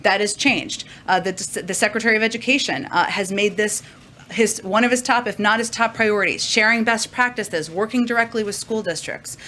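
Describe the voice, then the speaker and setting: A woman press secretary answering reporters' questions in a measured way, with frequent filler pauses. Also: medium pitch, sharp tone, a little hiss or hum. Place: briefing room.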